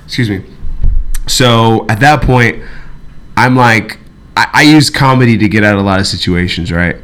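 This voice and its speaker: A man's voice: on the low side, moderate pace, fairly bright tone. A man on a podcast, telling a story in casual chat, full of fillers and restarts and swearing. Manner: rambling, profane, with many fillers and restarts. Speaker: podcast co-host.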